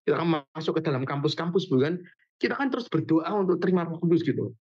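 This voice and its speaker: A man's voice: on the high side, fast talker, slightly rough. Chatty young man teaching. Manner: chatty, animated storytelling with slangy asides. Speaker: small-group Bible study leader. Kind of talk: casual teaching to a youth group. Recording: dull lo-fi recording.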